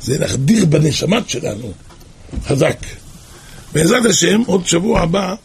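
A man with a high, gravelly voice preaches and tells a story with great drama, swinging from cries to near whispers. A faint hiss sits behind him. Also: very animated.

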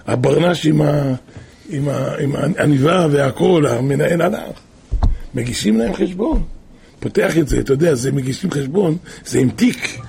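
A man preaching, telling a moral story in an animated storytelling way with wide swings of pitch. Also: gravelly, slight background noise.

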